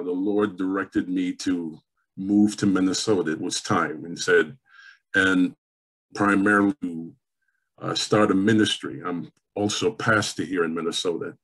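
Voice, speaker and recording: A man in his fifties, born in Jamaica and raised in New York, telling his background as a panelist in an online forum over a webcam call in a room at home. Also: sits low. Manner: measured, reflective storytelling. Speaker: panelist, professor and pastor. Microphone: webcam on a video call.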